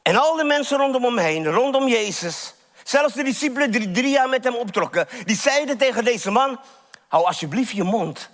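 A man's voice: very high-pitched, expressive, normal speed, a bit bright. A man preaching a sermon in Dutch, telling the story with drama and lots of emphatic repetition. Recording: reverberant church hall.

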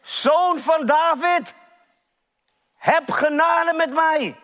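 A man's voice: extremely high pitch, animated, normal speed, a bit bright, voice pushed up. A man preaching in Dutch voices a desperate blind male beggar, crying out with passion and pleading to be heard. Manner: impassioned, crying out. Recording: reverberant hall.

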